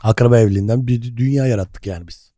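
Fast-talking jokey man, dry mic. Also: medium pitch, mellow, no echo. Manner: jokey, riffing, quick banter. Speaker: podcast co-host. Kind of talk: casual comedic chat.

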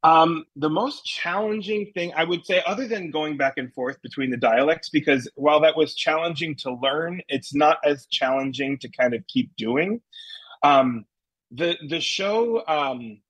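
Husky-voiced man with a New England accent. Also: on the high side, expressive, measured pace, fairly bright tone, no room sound, rough recording. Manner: chatty, many fillers and restarts. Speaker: stage actor, interview guest. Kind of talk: casual interview answers.

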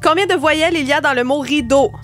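A high-voiced woman with a Québécois accent hosts a morning radio quiz, reading the questions in a lively, brisk way. Soft music runs faintly behind her. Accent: Québécois French. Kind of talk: casual radio banter and quiz hosting.

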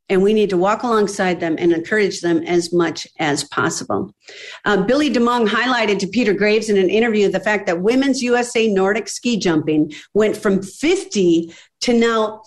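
A woman hosting a podcast, talking emphatically and rallying her listeners. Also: a little high. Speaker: podcast host. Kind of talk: enthusiastic advocacy talk.

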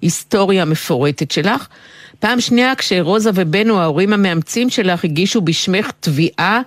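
A woman with an Israeli accent interviewing an author, putting long prepared questions in articulate, measured phrases. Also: mid-range voice, animated, dry recording, clean studio sound.

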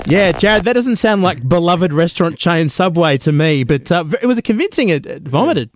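A man hosting a comedy radio show, lively and laughing often. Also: high voice, brisk. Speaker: radio host.

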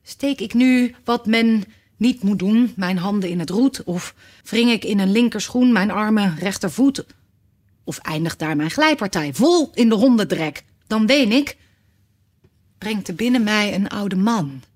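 A woman's voice: mid-range voice, lively intonation, measured pace, darkish tone. A woman voicing a dreamy male knight reciting a nonsense ballad in a lilting, half sung way. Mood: sing-song.

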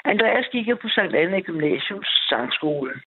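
A woman's voice: on the low side, lively intonation, slightly rough. Woman calling in over a tinny phone line. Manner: rambling with many restarts, eager. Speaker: caller. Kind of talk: emotional personal story on night radio.

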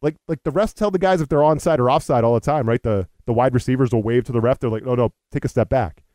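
A man hosting a sports podcast, venting with an animated, exasperated edge. His voice is dark and mellow, and it sits dry and close with no room around it. He talks in quick, loose bursts. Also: medium pitch, dry recording. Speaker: podcast host. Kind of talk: casual sports talk.

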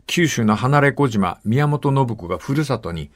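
An older man hosting a radio talk show, reading listener letters and telling stories with lively dialect voices. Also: medium pitch, moderate pace. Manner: lively storytelling, acting out dialect dialogue. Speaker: radio host.

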